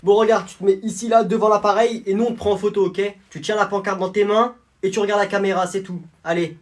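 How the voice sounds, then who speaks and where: A man's voice: high-pitched, fairly even intonation, fast. A man performing comedy sketches, switching between a teacher, a guard and cheeky teenagers. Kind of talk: comedy sketches, playing several roles.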